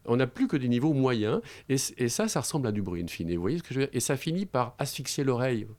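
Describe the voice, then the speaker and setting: A man's voice: medium pitch, big pitch swings, fast talker, darkish tone. A man in a radio studio explaining at length in an interview, emphatic and hesitant, often checking in with "you see". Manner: explanatory, emphatic, frequent hesitations and "vous voyez". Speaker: sound expert guest.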